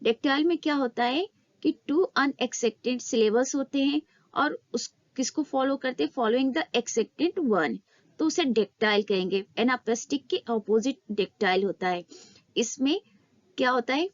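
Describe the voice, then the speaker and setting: A woman teaching an exam-prep literature lesson, explaining in a Hindi-English mix, asking questions and answering them herself, and reading English statements slowly. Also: high-pitched, no echo. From India. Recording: slightly dull, dry sound.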